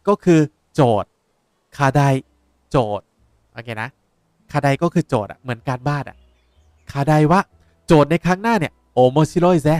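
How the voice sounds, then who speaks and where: A young man teaches vocabulary as he plays, repeating each word and its meaning. His voice jumps around in pitch and sounds smooth and resonant. The sound is dry and close. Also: normal speed, pauses often, no echo. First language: Japanese. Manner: lively, explaining words with repetition. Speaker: Japanese language teacher. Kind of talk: game playthrough lesson.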